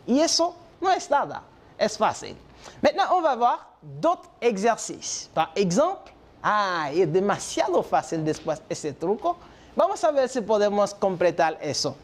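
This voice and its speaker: A man leads a televised French lesson, moving back and forth between French and Spanish as he drills vocabulary. He speaks slowly, with a lively, rising-and-falling melody. He praises each answer with encouragement. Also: high-pitched. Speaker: French teacher.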